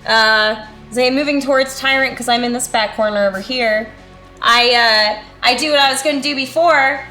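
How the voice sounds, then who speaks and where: Bright, high-voiced woman playing, echoey room. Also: moderate pace. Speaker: tabletop game player. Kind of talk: excited casual game banter. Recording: echoey room, faint music behind.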